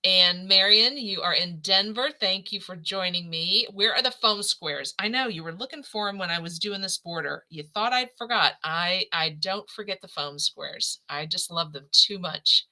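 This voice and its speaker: A woman's voice: mid-range voice, sharp tone, rough recording. A middle-aged woman hosting a live scrapbooking stream, demonstrating crafts in a chatty, effusive way and greeting viewers by name. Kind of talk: casual livestream craft demo.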